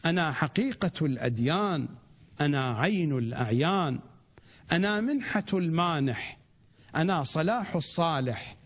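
A man reciting a rhymed sacred text in a steady, chant-like cadence, opening each line the same way and pausing to explain terms. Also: fairly high pitch. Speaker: religious reciter. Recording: dull lo-fi recording.

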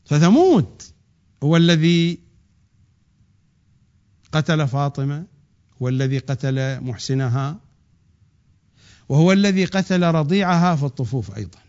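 A man giving a religious lecture, swinging from loud drawn-out emphasis to quick low asides. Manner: rising to emphatic peaks, then dropping low and rushing; draws out key words slowly. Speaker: preacher. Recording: dull lo-fi recording.

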